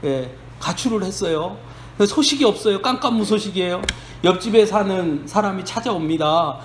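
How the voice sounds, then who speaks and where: A male pastor delivering a sermon, high-voiced and animated, rising and falling as he tells the story. He keeps asking the congregation rhetorical questions. The church hall rings around him, with a faint hum under it. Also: moderate pace. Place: church sanctuary.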